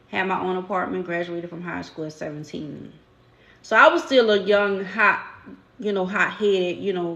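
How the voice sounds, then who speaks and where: A woman with a New Orleans accent hosts a casual live-stream chat. She talks in a candid, storytelling way with everyday slang. Her voice sits at a middle pitch. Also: vocal fry, fairly bright tone, roomy sound, highs cut off. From New Orleans, USA. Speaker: channel host.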